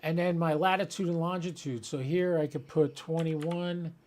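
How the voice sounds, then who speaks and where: Working at his computer, a ham radio hobby channel host gives viewers an informal live demo while thinking out loud. He speaks on the higher side in a steady, slightly mellow tone at a moderate pace, with some faint background noise.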